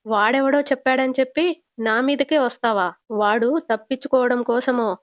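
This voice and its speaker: A woman's voice: a little high, normal speed, no room sound, studio quality, natural voice. A woman voicing an arrogant older businessman uncle who brushes off accusations with contempt. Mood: scornful. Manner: contemptuous and dismissive.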